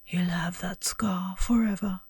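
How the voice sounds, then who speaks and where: Woman whispering as Dumbledore, soft old wizard. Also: on the low side, fairly even intonation, a little slow, husky, no echo, clean studio sound, heavily acted. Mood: gentle. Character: old male wizard headmaster, calm and gentle. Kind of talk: whispered role-play.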